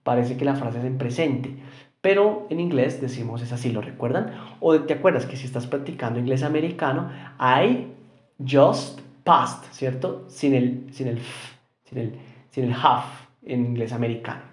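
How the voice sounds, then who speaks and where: A man's voice: mid-range voice, moderate pace, darkish tone, roomy sound. A man with a Colombian Spanish accent teaching English in an online lesson, explaining patiently and often checking with questions.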